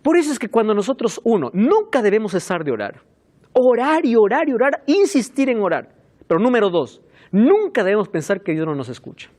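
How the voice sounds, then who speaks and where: Animated male preacher, very lively pitch. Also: fairly quick. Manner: emphatic, animated preaching with asides to helpers. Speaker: pastor. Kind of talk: sermon.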